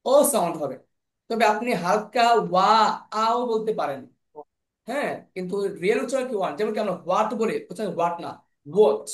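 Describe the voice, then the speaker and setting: A man teaching English pronunciation in an online class, slowly repeating sounds and words over and over. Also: sits high, expressive. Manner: slow, repeats sounds and words many times. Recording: echoey room.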